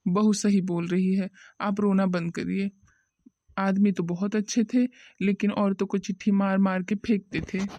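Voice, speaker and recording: A woman's voice: mid-range voice, flat delivery, unhurried, warm tone, no echo, natural voice. A woman voicing a gossipy, tactless middle-aged village uncle in a cartoon, with a rambling manner and muffled audio. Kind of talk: cartoon voice acting.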